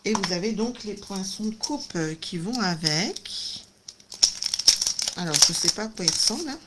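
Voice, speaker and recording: A woman's voice: medium pitch, lively intonation, moderate pace. A woman hosting a casual craft video, chatty and enthusiastic, full of little fillers and exclamations. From France. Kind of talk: casual live unboxing chat. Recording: noisy home recording.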